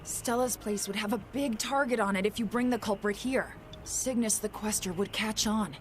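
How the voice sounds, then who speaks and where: A man's voice: sits high, normal speed, slight background noise. Polite mysterious male magician. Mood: earnest. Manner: courteous, calm and formal. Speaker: game character. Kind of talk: English game dub.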